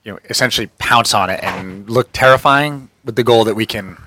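Man, tabletop player, low bright voice, dry close sound, casual planning. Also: fairly quick, no room sound. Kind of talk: casual game chat.

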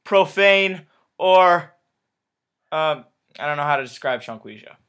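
A man's voice: on the high side, lively intonation, unhurried, fairly bright tone, clean tone. A man hosting a playful mock news report, jokey and loose.

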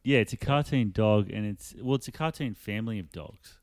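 A man's voice: lowish voice, a little fast, a little mellow, no room sound. A man co-hosting a podcast, chatting casually with crude, sweary banter. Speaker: podcast co-host. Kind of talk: casual chat.

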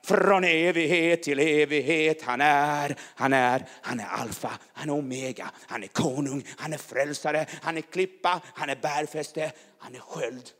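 A man preaches charismatically in a church hall, his voice ringing with a long reverb. He chants repeated phrases in a rhythmic cadence that build to loud proclamations, then drops to quiet, personal speech. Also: on the high side, few pauses. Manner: rhythmic chanting repetition, rising to shouts.

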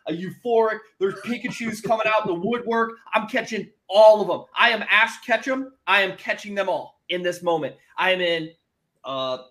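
Brief: male podcast guest, comic storyteller, self-mocking, slightly high-pitched. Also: normal speed. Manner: animated, self-mocking, jumps between hushed and loud.

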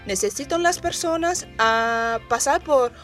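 Brazilian woman speaking non-native Spanish, higher-pitched. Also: measured pace, fairly bright tone. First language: Portuguese. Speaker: guest career coach. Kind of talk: conversational radio interview. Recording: music playing behind. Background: background music.

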